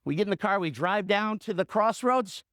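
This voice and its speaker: A man in his fifties, a coach and radio host, telling a motivational story in an animated way with punchy repetition. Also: sits high, normal speed, no room sound, clean studio sound.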